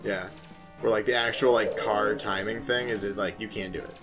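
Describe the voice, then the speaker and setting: A man's voice: lowish voice, steady tone, normal speed, loud music behind the voice. Flustered young man muttering over a game. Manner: flustered, muttering and cursing while playing. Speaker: gaming channel co-host. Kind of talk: casual let's play commentary.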